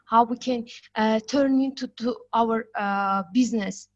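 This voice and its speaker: A woman from Azerbaijan speaking haltingly on a video call, searching for words. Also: fairly high pitch, darkish tone, dry recording. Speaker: student. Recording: dry muffled call audio.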